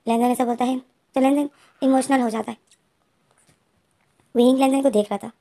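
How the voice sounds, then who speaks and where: A woman's voice: high voice, steady tone, normal speed, mellow. A woman with a Hindi accent casually retelling a fan fiction story, voicing both characters' lines herself and talking directly to her listeners.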